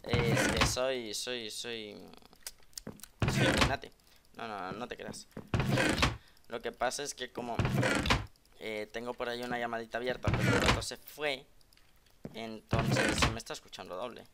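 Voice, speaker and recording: Male gamer commentator, mid-pitched gravelly voice, excitable trash talk, noisy desk-mic recording with an echoed doubled voice. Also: normal speed, long pauses. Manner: excitable, jokey trash talk aimed at opponents. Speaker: gaming video creator. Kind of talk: live game commentary. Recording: loud background noise, keyboard clicks, doubled voice from an open call.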